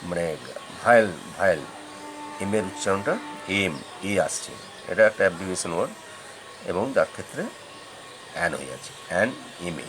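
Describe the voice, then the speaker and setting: Lowish-voiced man teaching grammar patiently. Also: lively intonation, moderate pace, pauses often, music in the background, poor audio. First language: Bengali. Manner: patient, repeats examples, asks checking questions. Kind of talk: explanatory grammar lesson.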